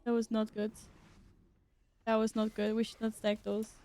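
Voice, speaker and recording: Chatty woman streamer, slightly high creaky voice. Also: monotone, moderate pace, dark tone. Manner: chatty, informal, exclamatory. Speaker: live game streamer. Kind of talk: casual live gameplay chat with viewers and teammates.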